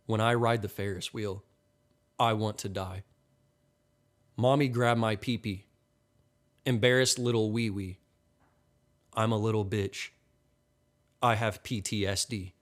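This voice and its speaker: A man's voice: lowish voice, fairly even intonation, a little slow, long pauses, close to an everyday voice. Man as an anxious, hapless young man. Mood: self-pitying.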